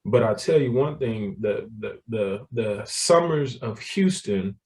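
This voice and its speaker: A man's voice: lowish voice, expressive, slow, a little mellow, far from the mic. A man, telling his story as a guest in a casual interview, laughing often and repeating words. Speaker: guest, real estate developer.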